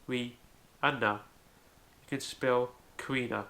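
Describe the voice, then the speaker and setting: A man with a gravelly, creaky voice at a middle pitch teaches a home-made language lesson. He explains carefully, one step at a time, and often opens with "so". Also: fairly even intonation, takes it slowly, pushed and bright. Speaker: language video host.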